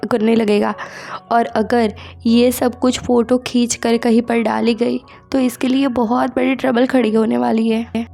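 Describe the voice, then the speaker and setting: A woman casually retelling a comic story in a chatty, expressive way. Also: a little high, vocal fry.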